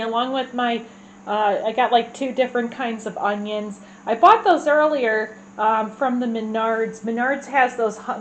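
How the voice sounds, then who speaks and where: A woman's voice: on the high side, low-quality recording. A woman, congested and rambling in a casual gardening vlog, full of fillers and restarts. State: congested, clearing her throat. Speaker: gardening vlogger. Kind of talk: casual chat.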